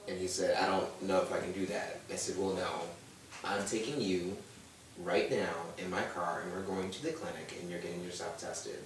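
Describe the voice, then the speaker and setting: On a brunch panel chat show, a male guest earnestly tells his story and acts out what other people said. His low voice stays level at a normal speed, and the distant mic picks up room echo along with a little hiss or hum.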